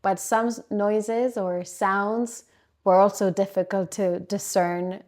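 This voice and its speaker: A woman's voice: mid-range voice, fairly even intonation, takes it slowly, a little mellow. A woman from Argentina, hosting a podcast and asking friendly interview questions. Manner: friendly, with frequent "yes" replies. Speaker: podcast host.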